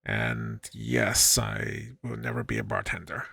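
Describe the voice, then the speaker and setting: A middle-aged man hosting his own channel, calmly explaining how he makes a drink in a voice-over, with a light self-mocking touch. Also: fairly low pitch, unhurried, gravelly, slightly rough, dry recording. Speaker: channel host. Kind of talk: voice-over narration of a drink-making video.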